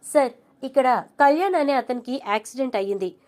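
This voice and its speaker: Lady doing a nurse on a call, polite but urgent, kinda loud. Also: high-pitched, animated, fairly quick, pitched above the performer's own voice. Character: polite female hospital nurse on a phone call.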